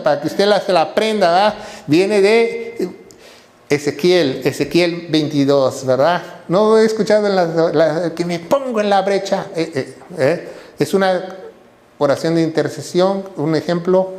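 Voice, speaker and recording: High-voiced pastor preaching. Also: male voice, darkish tone. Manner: preaching with rhetorical questions and tag "¿verdad?"; acts out quoted voices. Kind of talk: sermon.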